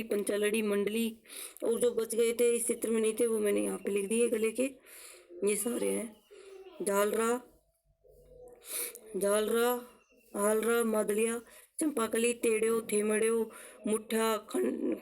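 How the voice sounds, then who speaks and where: A woman teaches an exam-prep lesson with memory tricks, her pitch a little high and staying flat. She repeats each term to drill it and answers her own rhetorical questions. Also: low-quality recording. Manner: repeats words to drill them.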